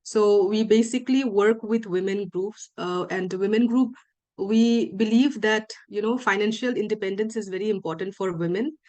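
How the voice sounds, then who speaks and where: A woman's voice: medium pitch, moderate pace, a little mellow. A woman earnestly introducing her women's livelihood group at a meeting, with many "you know"s. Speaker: participant.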